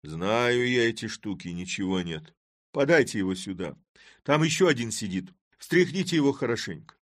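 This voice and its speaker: Man putting on a raised, lively, boisterous Cossack for a storybook reading; mocking and loud. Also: fairly low pitch, moderate pace, no echo, studio quality, voice pushed up. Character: boisterous middle-aged Cossack man, blustering and sly.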